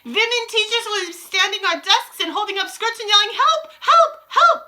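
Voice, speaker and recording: A woman voicing a wicked old witch from a storybook, shouting imperiously and chanting in broken grammar as she gloats. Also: very high voice, brisk, a little hiss or hum, voice pushed up, full character voice. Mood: loud, gloating. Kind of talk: dramatic storybook read-aloud.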